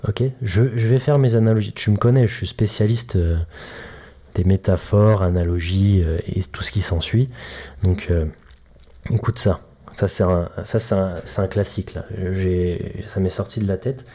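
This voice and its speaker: A man's voice: deep voice, fairly even intonation, normal speed, warm tone. A man hosting a casual solo podcast as a mobility coach, chatty and joking, explaining things to the listener through homely analogies. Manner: chatty, jokey, addresses listener directly with analogies.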